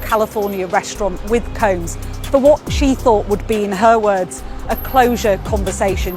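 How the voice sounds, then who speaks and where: A woman reporter delivering a scripted news report on a court case. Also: medium pitch.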